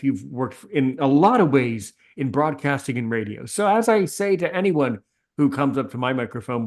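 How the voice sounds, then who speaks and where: A man hosting a podcast, introducing his guest in an upbeat, somewhat formal way. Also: mid-range voice. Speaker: podcast host.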